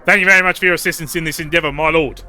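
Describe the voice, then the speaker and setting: A man doing a brisk, deferential guard lieutenant. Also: a little high, steady tone, sharp tone, faint music behind, voice pushed up. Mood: respectful.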